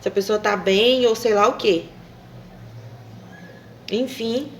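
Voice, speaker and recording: Woman with a rambling, gravelly voice. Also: fairly high pitch, slow, a little hiss or hum. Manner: rambling, hesitant, full of fillers and tag questions. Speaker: vlogger. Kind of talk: casual monologue to camera.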